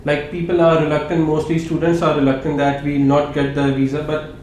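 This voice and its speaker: A man's voice: fairly high pitch, level tone, a little fast, a little mellow. A man from Pakistan hosting an interview, casual and encouraging, with frequent affirmations. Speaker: interview host. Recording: echoey room with faint noise.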